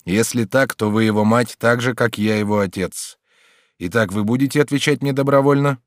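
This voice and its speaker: A man's voice: mid-range voice, normal speed, dry recording, studio quality, natural voice. Man playing a firm, insistent doctor. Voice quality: steady, insistent questioning. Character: calm, firm male doctor and hypnotist. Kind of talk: audiobook character reading.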